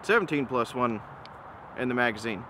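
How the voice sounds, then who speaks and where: A man giving a casual, easygoing product comparison as a presenter, speaking in an informal, measured and opinionated way. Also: mid-range voice, expressive. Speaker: gun reviewer and presenter. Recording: noisy outdoor recording with ambient hum.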